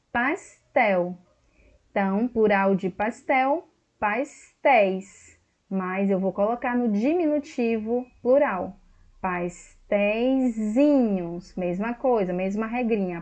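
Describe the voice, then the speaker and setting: A woman teacher with a Brazilian Portuguese accent, giving a video grammar lesson, slow and explanatory, often checking that students follow. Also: medium pitch, darkish tone, muffled recording. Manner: slow, explanatory, repeats words and checks with "tá certo?".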